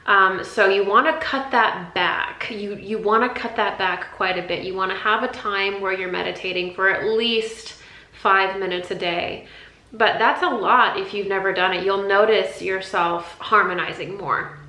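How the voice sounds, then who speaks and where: Bright-voiced woman in an echoey room. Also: medium pitch, steady tone, normal speed. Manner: rambling, conversational, repeats words and restarts. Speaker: intuition teacher. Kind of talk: casual spiritual teaching talk.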